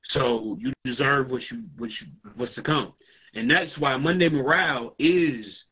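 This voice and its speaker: A man in casual chat on a livestream, with a husky voice and laid-back slang, often asking "you feel me". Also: mid-range voice, measured pace, sharp tone. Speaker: co-host.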